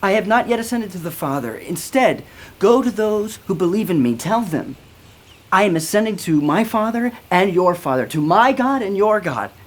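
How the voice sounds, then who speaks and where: A woman playing an earnest, awestruck male disciple, stammering through an eyewitness interview in a comedy sketch with a husky voice. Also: mid-range voice, animated, normal speed, natural voice. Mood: awed.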